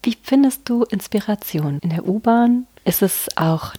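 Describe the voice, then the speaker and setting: A woman's voice: mid-range voice, lively intonation, measured pace, dark tone, no room sound. A woman hosting a podcast interview, asking curious, encouraging questions. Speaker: podcast host. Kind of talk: casual interview.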